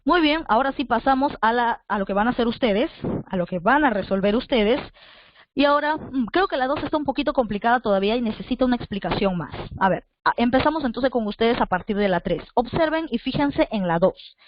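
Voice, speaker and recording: A woman's voice: fairly high pitch, animated, fairly quick, dull audio, slight background noise. A woman teacher giving an online class, patiently repeating points and asking her students rhetorical questions.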